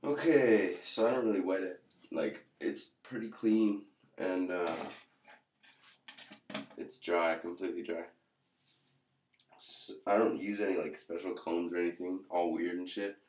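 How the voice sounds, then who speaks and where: A man chatting casually to camera as a vlogger, in a halting, rambling, laid-back way, in a very echoey room. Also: deep voice, a little mellow, slight background noise. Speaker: vlogger reviewing hair pomade.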